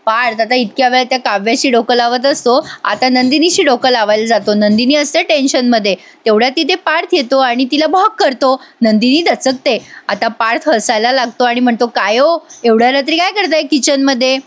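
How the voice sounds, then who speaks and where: A woman hosting a TV serial recap, talking to her viewers in a lively, chatty way. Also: a little high, fairly quick, few pauses. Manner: lively, addresses viewers directly.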